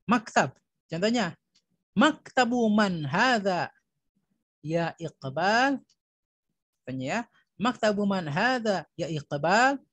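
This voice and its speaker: An Indonesian man teaching Arabic grammar, repeating each term and filling pauses with "ya" and "nah". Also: high voice, lively intonation, fairly bright tone, slightly rough, no echo, poor audio. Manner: repeats terms, fills with "ya" and "nah". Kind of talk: recorded grammar lesson.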